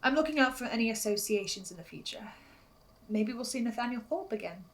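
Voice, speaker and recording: As host of a fan theory video series, a woman narrates a scripted analysis with earnest, theatrical delivery and precise wording. Her voice sits a little high, with lively intonation and a fairly quick pace.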